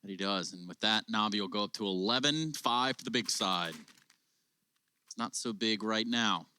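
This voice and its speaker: A man's voice: on the low side, moderate pace, smooth. A man working as an esports co-caster, giving conversational analysis during live match commentary. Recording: loud game noise with gunfire behind.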